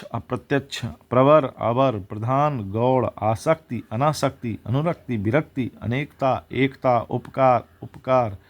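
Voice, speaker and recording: A man teaching exam vocabulary, reciting words and their opposites one after another and correcting himself as he goes. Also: mid-range voice.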